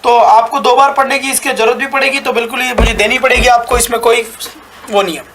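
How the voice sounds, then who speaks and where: A man's voice: very high voice, fairly even intonation, brisk, fairly bright tone, a little hiss or hum. A male teacher giving a live online class. He repeats each point, asks questions and answers them himself, and praises his students often. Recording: echoey room, mic at a distance.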